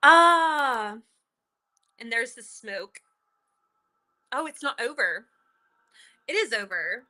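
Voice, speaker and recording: A woman's voice: fairly high pitch, sing-song, slow pace, bright, forceful tone. A woman hosting a casual live stream, chatting and laughing with her viewers while she reacts to videos and fixes her audio, heard through a laptop microphone at home. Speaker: livestream host reacting to videos. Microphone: laptop built-in microphone.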